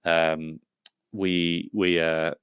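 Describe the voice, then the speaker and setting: Very deep-voiced English man, rambling. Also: little pitch movement, drawn-out words, fairly bright tone, smooth, no echo. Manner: rambling and enthusiastic, many fillers and restarts. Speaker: podcast guest. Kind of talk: casual conversational interview.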